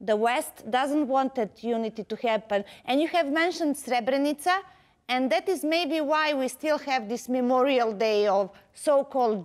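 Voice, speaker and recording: Hesitant woman interviewer. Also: a little high. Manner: hesitant, many fillers and restarts. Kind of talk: interview questions.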